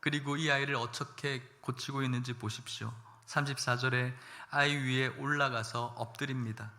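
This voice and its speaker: A male pastor delivering a Sunday sermon with a bright, forceful voice. He moves between reading scripture aloud and speaking with rising emotion. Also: mid-range voice, steady tone, moderate pace.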